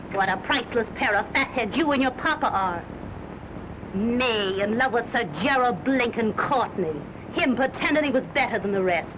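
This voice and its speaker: A woman's voice: on the high side, close to an everyday voice. An actress playing a scornful Cockney kept woman. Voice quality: sharp-tongued and scornful. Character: brash young London kept woman, defiant and mocking. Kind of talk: early-1930s film acting. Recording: hissy early-1930s film soundtrack.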